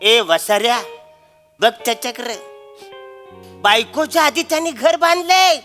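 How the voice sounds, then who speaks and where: A man performing sketch comedy, loud and mocking, telling a story with big swings in his voice. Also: extremely high pitch, lively intonation, a little slow, faint music behind. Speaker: stage comedian playing a father-in-law official.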